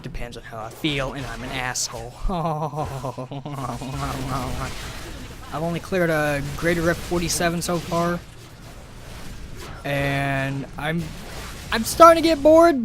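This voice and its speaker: Rambling, stammering gamer guy. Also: fairly high pitch. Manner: rambling, stammering, many fillers. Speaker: gaming video creator. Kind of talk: rambling commentary over gameplay. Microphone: home mic without pop filter.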